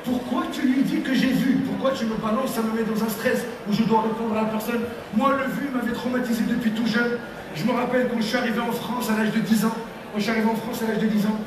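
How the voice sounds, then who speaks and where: A young man from Tunisia doing stand-up comedy on a theater stage and acting out characters with sudden pitch jumps. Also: steady tone, fast. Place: large theater stage with live audience. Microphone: handheld mic, filmed from the audience. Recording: echoey hall from far off, crowd noise.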